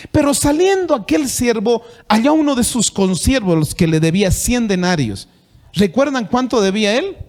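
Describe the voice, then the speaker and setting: A man's voice: animated, normal speed, a little mellow. A man with a Bolivian Spanish accent preaching a sermon as pastor, reading scripture aloud and repeating words as he searches for phrasing. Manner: preaching with rising emphatic pitch when reading scripture.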